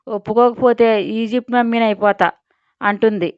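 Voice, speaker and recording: A man's voice: very high-pitched, level tone, moderate pace, clean tone, no echo. A woman voicing a vain, blustering middle-aged rich father who grumbles and scolds, in a Telugu audio story. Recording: dull lo-fi audio.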